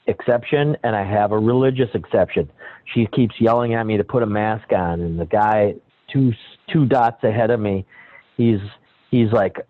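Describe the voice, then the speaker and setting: A man's voice: on the low side, no echo. A man calling in and telling a personal story, animatedly acting out what other people said. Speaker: caller. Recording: tinny phone line.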